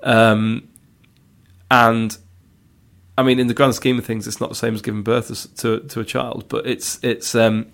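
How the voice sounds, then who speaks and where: Gravelly-voiced man in casual chat. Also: mid-range voice, level tone, measured pace, a bit bright. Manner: candid, rambling with many fillers. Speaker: podcast co-host, father of two.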